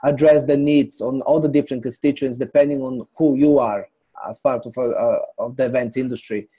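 A middle-aged man from Bulgaria, a company founder explaining his business as a podcast guest in a measured way. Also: medium pitch, steady tone, dark tone, breathy edge. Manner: measured, explanatory, lists items. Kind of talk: business interview.

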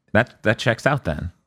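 A man hosting a casual podcast, retelling an episode with lots of laughter and quick put-on voices for the characters. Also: fairly low pitch, fairly bright tone. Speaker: podcast host. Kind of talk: casual chat recapping an anime episode.

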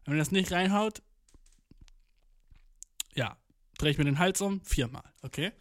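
A man's voice: fairly high pitch, unhurried, no echo. A young man telling a rambling comic story in a slangy, swearing manner, dropping English phrases and acting out quotes. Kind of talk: rambling comedic monologue.

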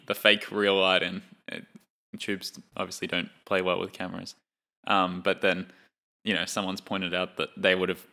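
A young man co-hosting a film podcast, talking in a relaxed, chatty way and laughing now and then. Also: low-pitched. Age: young adult. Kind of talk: casual chat.

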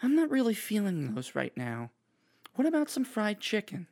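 A chirpy young woman with a playful, teasing streak, as a man puts her on with a clearly raised voice. She sounds bright and upbeat, like a storybook girlfriend poking fun at her partner. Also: high voice, huge pitch swings, normal speed, no room sound, studio quality, voice pushed up, exaggerated voice. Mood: casual.

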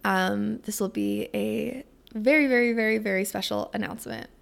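Young woman, heavy vocal fry, mid-range pitch, enthusiastic podcast host, rambling casual promo talk. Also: normal speed. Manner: gushing, enthusiastic; rambling, digressive, casual swearing.

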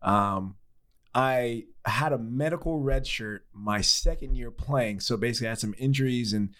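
A man in his thirties as a podcast guest, hoarse and groggy from a recent sickness, explaining things in a relaxed way with many fillers. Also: mid-range voice, normal speed. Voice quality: groggy, gravelly. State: hoarse, getting over sickness. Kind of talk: interview conversation. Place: studio.

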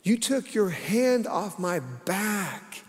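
A man's voice: high-pitched, very animated, extremely slow, faint music behind, voice pushed up, exaggerated voice. A man in a sermon voicing a tearful little girl, plaintive and accusing after a fall. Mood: hurt, tearful. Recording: long reverb of a large hall.

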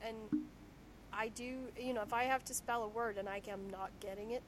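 A woman's voice: on the high side, fairly even intonation, normal speed, a little hiss or hum, rough recording. A woman with a Shetland accent talking casually and candidly in a conversational interview, telling anecdotes. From Shetland, Scotland.

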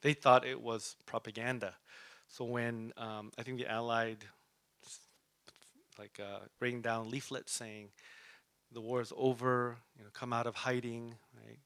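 A man's voice: medium pitch, flat delivery, measured pace, a bit bright, no room sound. A man preaching a Bible lesson in a conversational way, often checking in with "right?". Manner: conversational, often asks "right?", uses fillers. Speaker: preacher teaching a Bible study. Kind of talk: sermon.

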